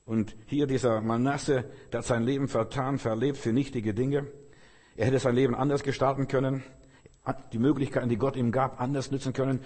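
A man's voice: mid-range voice, level tone, fairly quick, a little mellow. A man preaching a sermon, emphatic and repetitive, stacking long lists of phrases. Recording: long hall reverb.

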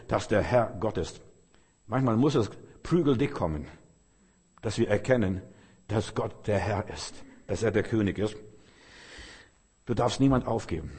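Husky-voiced male preacher in echoing hall. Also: on the low side, darkish tone. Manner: emphatic, repetitive preaching with long lists. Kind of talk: sermon. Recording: long hall reverb.

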